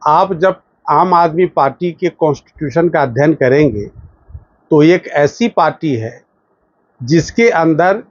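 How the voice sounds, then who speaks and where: A man speaking as a lawyer in formal political commentary to a news channel, emphatic, with pauses and fillers. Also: fairly high pitch, darkish tone, dry recording, highs cut off. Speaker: lawyer giving a statement.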